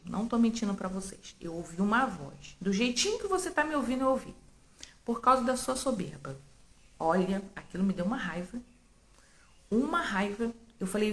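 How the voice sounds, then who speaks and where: A woman's voice: medium pitch, reverberant. A Brazilian woman giving an emotional church testimony, telling a story and speaking straight to listeners. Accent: Brazilian Portuguese. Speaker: preacher sharing a testimony. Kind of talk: spoken testimony to a church audience.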